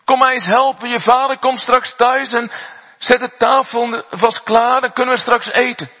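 Guy doing a mom calling her kid, high and loud, echoey church sound. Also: level tone, measured pace, exaggerated voice. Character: mother calling her son home. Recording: echoey hall, dull sound.

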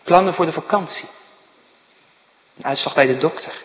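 A man's voice: a little high, normal speed, highs cut off. A man preaching a sermon to his congregation, earnest and urging, with repeated direct calls to his listeners. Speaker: pastor. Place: church. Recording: church hall reverb.

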